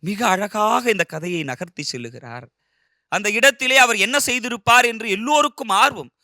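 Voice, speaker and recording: A man retelling a short story with expressive, animated narration. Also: high-pitched, normal speed, no room sound, clean studio sound.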